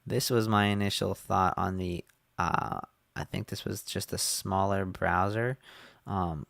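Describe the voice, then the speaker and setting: A man explaining his website design in a casual screen-share walkthrough, relaxed with fillers, a little hoarse as he is losing his voice. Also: deep voice, unhurried, no room sound. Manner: relaxed, many fillers and restarts.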